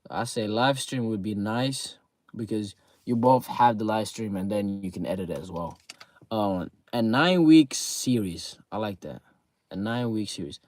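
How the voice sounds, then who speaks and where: Chatting casually on stream about a game league, this man's speech wanders, loaded with fillers and repetition, as his sore throat pulls his voice lower. He's on the low side, darkish in tone, at normal speed, with no room sound.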